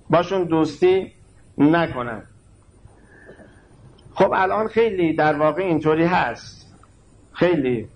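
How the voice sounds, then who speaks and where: A man giving a sermon that explains scripture, with emphatic delivery that moves between slow stressed words and quick asides. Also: a little high, gravelly, muffled recording, a little hiss or hum. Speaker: religious lecturer.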